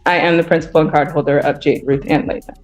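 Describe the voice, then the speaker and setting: A woman speaking as a defendant, halting and insistent, in a courtroom recording. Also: low-pitched, steady tone, a little mellow, faint music behind.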